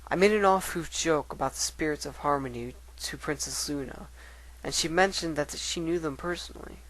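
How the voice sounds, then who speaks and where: Man reading as an earnest bookish unicorn scholar, higher-pitched. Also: a little fast, a bit bright, close to an everyday voice, poor audio. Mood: animated, enthusiastic. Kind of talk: dramatic reading of letters.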